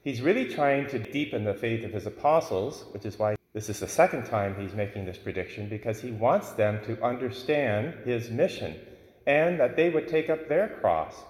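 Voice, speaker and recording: A man speaking as a priest, reading the gospel and preaching in a solemn, deliberate way in an echoing, cathedral-like church. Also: medium pitch, animated, darkish tone. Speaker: priest giving a homily. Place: large reverberant church. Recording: echoey church with long cathedral-like reverb.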